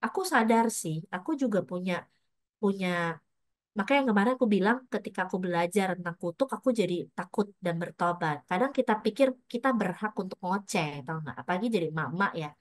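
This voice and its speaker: A woman's voice: medium pitch, fast talker, no echo. A middle-aged woman pastor giving a casual, chatty sermon full of personal stories, mixing in English words.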